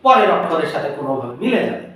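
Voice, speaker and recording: A man teaching Quran pronunciation, spelling out each letter and vowel, then repeating the words slowly, sometimes in a chant. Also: a little high, big pitch swings, sharp tone, very echoey, distant mic, poor audio. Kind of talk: step-by-step pronunciation lesson.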